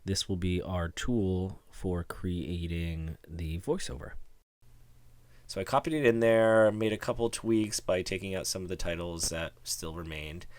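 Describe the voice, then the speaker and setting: A man hosting a software tutorial, talking casually through his screen recording with lots of ums and restarts. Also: low voice, measured pace, no room sound. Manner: relaxed, rambling, many ums and restarts. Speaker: tutorial host.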